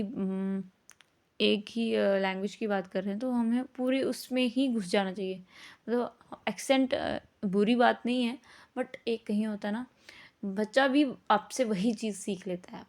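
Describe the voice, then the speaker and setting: This woman's voice is medium-pitched with a darkish tone. As a teacher she explains the lesson casually and conversationally, mixing in English words and often checking that students understand with short tag questions.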